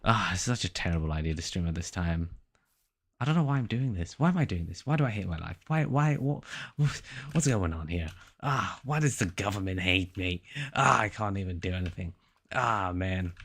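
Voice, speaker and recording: A man's voice: sits low, lively intonation, moderate pace, fairly bright tone. A man in his early twenties chatting casually to his live-stream viewers while playing, rambling and poking fun at himself. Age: about 21. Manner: rambling, self-mocking, joking chatter.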